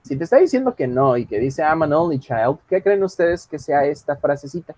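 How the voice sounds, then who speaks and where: Lively male teacher. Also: on the high side. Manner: explains slowly in Spanish, reads English lines carefully. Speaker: English teacher. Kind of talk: online class, teaching.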